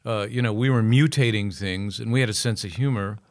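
A man's voice: on the low side, a little fast. An older man, a musician guest, telling anecdotes in a casual interview and slipping into the voices of people from his stories. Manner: lively storyteller who slips into voices of people in his stories.

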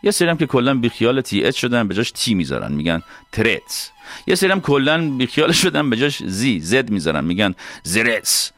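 A man's voice: mid-range voice, few pauses, soft background music. Guy hosting a podcast, joking around, voice going up and down a lot. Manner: playful, animated storytelling. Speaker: host. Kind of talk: casual comedic chat.

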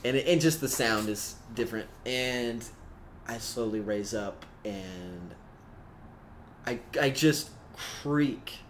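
A man telling a story in casual chat, animated and laughing often. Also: mid-range voice, takes it slowly, slight background noise.

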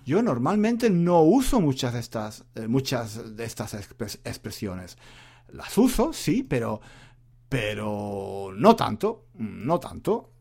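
A man's voice: mid-range voice, very animated, slow, creaky, a little mellow, husky. A man, teaching in a casual, chatty monologue that rambles and often repeats itself. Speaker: Spanish teacher and podcaster. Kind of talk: casual spoken lesson monologue.

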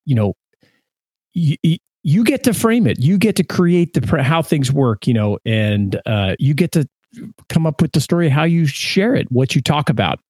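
A man's voice: on the high side, big pitch swings, darkish tone, slightly rough, dry recording. Man co-hosting a podcast, dry sound. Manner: halting, repeats words mid-sentence. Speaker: podcast co-host. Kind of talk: casual conversational talk.

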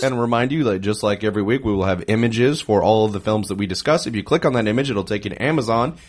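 A man co-hosting a casual film podcast in a measured, conversational way. His humor is dry and teasing, and he moves the show along between reviews. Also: on the low side. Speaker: podcast co-host.

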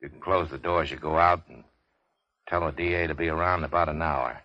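A man's voice: a bass voice, fairly even intonation, fast talker, no room sound. An actor playing a wounded big-shot racketeer, wry and world-weary, with clipped slangy tough-guy talk in a vintage radio crime drama. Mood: shrewd. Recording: dull vintage radio recording.

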